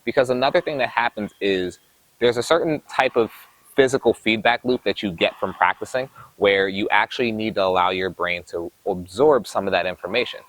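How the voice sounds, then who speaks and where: Low-voiced man coaching tennis. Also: no echo, low-quality recording. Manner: energetic, explanatory, demonstrates while talking. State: a little out of breath. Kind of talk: instructional coaching talk. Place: outdoor tennis court.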